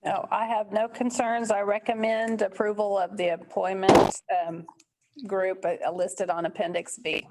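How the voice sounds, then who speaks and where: A woman's voice: medium pitch, flat delivery, measured pace, a little mellow, poor audio. A woman advising a board in businesslike meeting talk, with slight noise behind her. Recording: faint background noise, online meeting.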